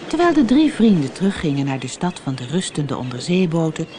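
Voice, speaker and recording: Lively woman reading a children's story. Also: low voice, a little fast, slight background noise. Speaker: storybook narrator.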